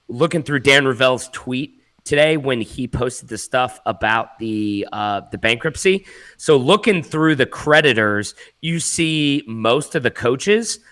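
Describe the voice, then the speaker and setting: Man, casual sports podcast, bright voice, video call, questioning tone. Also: mid-range voice. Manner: thinks aloud, checks with others. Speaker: podcast co-host.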